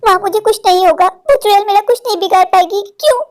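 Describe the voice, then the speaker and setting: A woman's voice: extremely high pitch, fast. A woman voicing a stubborn modern college girl in a cartoon, pleading and arguing with her mother. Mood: dismissive. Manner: pleading, argumentative, repeats "maa". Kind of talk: Hindi cartoon voice acting.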